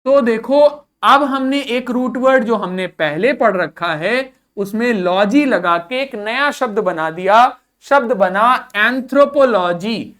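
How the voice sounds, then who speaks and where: This is a male teacher running a pronunciation drill in class, speaking slowly and deliberately. He says each word several times over and keeps asking the students to repeat it, with patient quizzing questions. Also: very high-pitched, expressive, a bit bright. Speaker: English vocabulary teacher.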